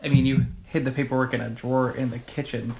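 A woman's voice: a bass voice, little pitch movement, fast talker, dark tone, a little hiss or hum, poor audio. A woman co-hosting a casual film discussion, chiming in with brief, wry remarks and agreement. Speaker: podcast co-host.

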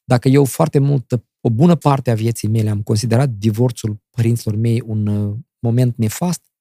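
Middle-aged guy, gravelly husky voice, acts out every bit of dialogue as he tells it. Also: mid-range voice, dry recording, studio quality. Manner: animated storyteller who acts out dialogue. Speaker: guest, actor. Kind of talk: casual interview chat.

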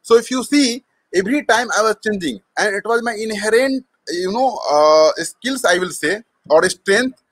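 A man's voice: sits high, moderate pace, fairly bright tone, no echo. A man with an Indian accent tells his own story conversationally as an interview guest, hesitating often and slipping between English and Hindi. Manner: hesitant, frequent mid-sentence Hindi switches. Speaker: startup co-founder, interview guest.

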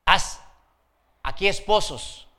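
A male pastor preaches a sermon with a bright, fairly high voice. He works the congregation with call-outs and keeps a playful, laughing tone. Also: takes it slowly. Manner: lively, calls out to the congregation for responses.

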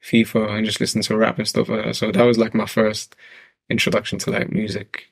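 Low flat-voiced laid-back young man. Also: a little fast, vocal fry, husky, no room sound. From France. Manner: laid-back slangy speech with many fillers. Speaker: music producer guest. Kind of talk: casual interview talk.

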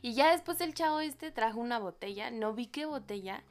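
A young adult woman with a Mexican accent, chatting casually and telling an animated story, acting out what people said with whispered asides. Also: a little high, fairly quick. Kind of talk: casual chat.

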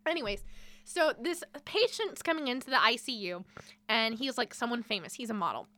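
A young woman co-hosting a casual podcast chat, loud and animated, swearing freely. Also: a little high, brisk, no room sound. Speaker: podcast co-host.

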